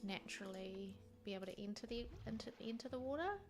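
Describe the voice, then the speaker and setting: A woman's voice: mid-range voice, fast talker, faint music behind. A woman with a New Zealand accent giving casual, chatty gameplay commentary as a streamer, muttering to herself with giggly asides.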